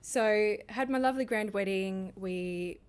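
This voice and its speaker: A woman's voice: medium pitch, a little slow, clear, resonant tone. A woman co-hosting a podcast, telling a personal story in casual chat and laughing often. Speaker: podcast co-host.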